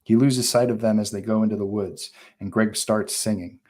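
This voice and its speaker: At a table read, a man with a low voice handles the stage directions as narration, using short, clipped phrases to establish each scene. He keeps a normal speed and fairly level intonation, and his voice has a darkish quality.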